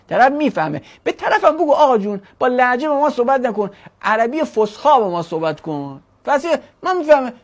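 A language teacher gives a chatty classroom lecture in a medium-pitched voice, posing rhetorical questions and joking with the students.

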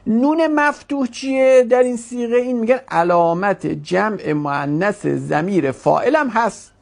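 Teacher, classroom grammar lesson, gravelly and expressive, quizzing style. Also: mid-range voice. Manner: questioning, drawn-out explaining.

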